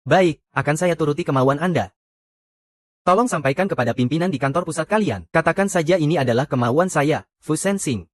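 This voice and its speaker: An actor playing an arrogant, wealthy young executive in a dubbed romance drama, cool and haughty. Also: male voice, on the high side, lively intonation, a little fast, close to an everyday voice. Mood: commanding.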